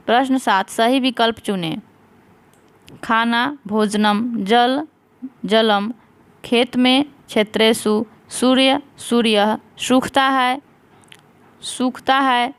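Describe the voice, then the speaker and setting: A woman teacher talking through exam answers step by step, dictating each answer slowly and spelling words out letter by letter into a close voice-over mic. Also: fairly high pitch, clear, resonant tone.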